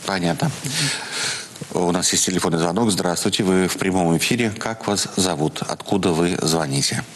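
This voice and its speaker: A man's voice: low voice, animated, normal speed, slight background noise. A man hosting a religious call-in program, taking calls and musing with many hesitations. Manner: hesitant, many filler sounds. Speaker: TV host.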